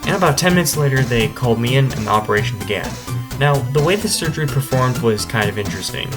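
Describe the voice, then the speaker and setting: A man's voice: mid-range voice, expressive, fast. A man vlogging, casually telling a personal story to camera in a conversational way. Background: instrumental music.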